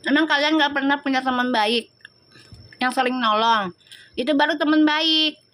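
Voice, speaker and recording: A woman's voice: sits high, moderate pace, sharp tone. A woman, chatting on a live stream and scolding viewer comments in a sassy, slangy way. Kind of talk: casual live-stream chat reading comments.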